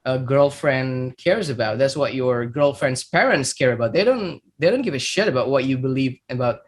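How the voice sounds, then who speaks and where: The man's voice is mid-range with lively intonation and a moderate pace. In his thirties and from Indonesia, he is a startup founder telling his personal story in a podcast interview. He reflects as he goes, with an Indonesian accent, plenty of fillers and frequent repetition.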